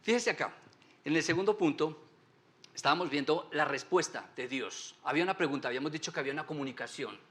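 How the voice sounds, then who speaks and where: Pastor con preguntas retóricas. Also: male voice, on the high side, quick pace, fairly bright tone. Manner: asks the class rhetorical questions. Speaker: Sunday school teacher. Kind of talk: church Bible teaching. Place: church meeting room.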